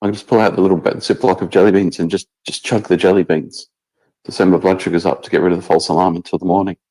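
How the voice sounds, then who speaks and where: A man's voice: low voice, flat delivery, quick pace, dark tone, rough recording. A middle-aged man from England, a guest chatting casually on a video call, rambling with many restarts and fillers. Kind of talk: casual chat.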